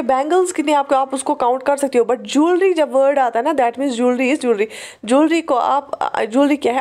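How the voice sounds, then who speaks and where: High-voiced woman teaching English grammar. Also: darkish tone. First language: Urdu. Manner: explains in Hindi-Urdu, says English examples slowly and deliberately; often checks in with "theek hai" and "right". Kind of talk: classroom lecture.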